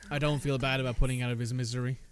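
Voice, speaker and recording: A man's voice: medium pitch, flat delivery, racing, a little hiss or hum. A man giving casual commentary while playing a video game, speaking with wry understatement. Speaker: let's player.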